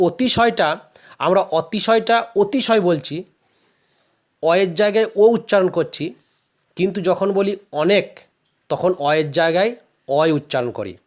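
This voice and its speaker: A high-pitched male teacher with a Bangladeshi Bengali accent delivers a classroom lecture, patiently explaining step by step and using examples.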